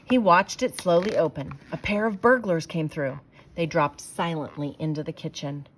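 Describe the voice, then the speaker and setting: A woman reading a children's picture book aloud in an expressive, emphatic storytelling style. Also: low-pitched, moderate pace, a little hiss or hum, poor audio. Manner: animated, emphatic, dramatic phrasing for children.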